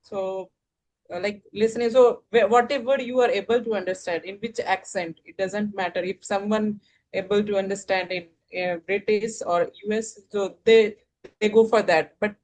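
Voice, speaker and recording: A woman with an Indian accent, an English learner, talking casually about how she practises listening, pausing often with fillers and restarts. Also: mid-range voice, fairly even intonation, a little mellow, low-quality recording. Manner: hesitant, many fillers and restarts.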